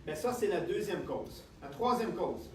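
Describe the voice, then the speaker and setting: High-voiced man with a Quebec accent. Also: unhurried. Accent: Quebec French. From Canada. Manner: lively, checks in with the audience constantly. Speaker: health speaker. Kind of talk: live seminar talk to an audience. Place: lecture room with audience. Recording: echoey room, distant mic, faint ambience.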